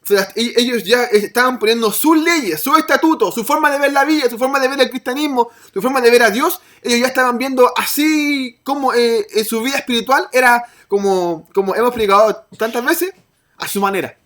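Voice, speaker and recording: A woman's voice: a little high, a little fast, a bit bright. Chilean woman giving a casual sermon. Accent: Chilean Spanish. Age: adult parent of a child. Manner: informal, hesitant, acts out quoted voices. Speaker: Bible teacher at a church. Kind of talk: conversational sermon.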